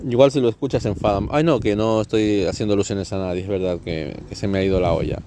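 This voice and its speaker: A man's voice: on the low side, steady tone, quick pace, mellow, a little hiss or hum. A man from Catalonia, hosting a podcast in a sarcastic, profane comedic monologue. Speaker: podcast host.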